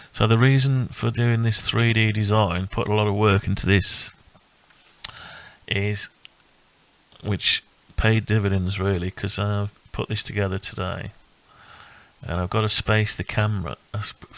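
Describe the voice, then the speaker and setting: A man with a low, creaky, fry-laden voice presents his own electronics build informally and without a script. His intonation barely varies, and his delivery is halting and rambling, as if he's thinking aloud.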